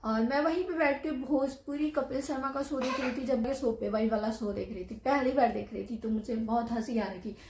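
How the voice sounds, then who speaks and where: A young woman with a slightly high voice tells a personal story as a casual vlog. She rambles along with asides and fillers. Her voice rings in an echoey room, with a faint hum of ambience behind it. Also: brisk, hardly any pauses. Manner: chatty, recounting with many asides and fillers. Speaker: vlogger.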